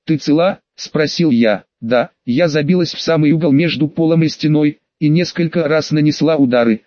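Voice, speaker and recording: Guy reading an audiobook in first person, steady, bit high voice, muffled dry sound. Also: a little fast, no echo. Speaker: audiobook narrator.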